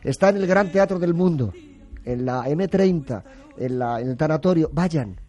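Earnest man with a mellow voice. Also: on the high side, expressive, moderate pace. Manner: emotional, earnest. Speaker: radio guest commentator. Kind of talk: casual radio chat.

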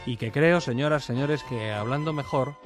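A man's voice: medium pitch, normal speed, music in the background. A man explaining a grammar rule on a radio show, thinking aloud and repeating examples. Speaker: language columnist. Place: radio studio. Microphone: studio mic.

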